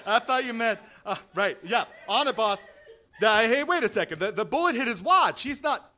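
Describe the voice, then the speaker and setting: A slow-witted gangster's henchman for a comic audio drama. He bellows dopily and haltingly in a very high, swooping voice, eager to please. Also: lively intonation, bright, forceful tone, heavily acted. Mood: eager, confused. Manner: dopey bellow, halting and dim.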